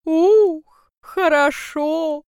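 A woman voicing a wise old owl with grey feathers, telling a tale in a slow, drawn-out, wondering tone in a storybook reading. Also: extremely high pitch, darkish tone, dry recording, clean studio sound, voice pushed up, exaggerated voice. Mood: wistful.

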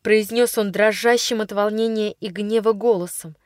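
A woman narrating a story in a measured storytelling way. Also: medium pitch, fairly even intonation, a little mellow, no echo, clean studio sound. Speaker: audiobook reader. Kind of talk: literary narration.

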